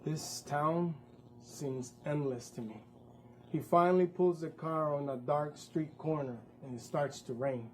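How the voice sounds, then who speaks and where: A man's voice: on the high side, measured pace, a little hiss or hum, low-quality recording. A man narrating his own story in a one-man stage show, vivid and with wry asides. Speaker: performer.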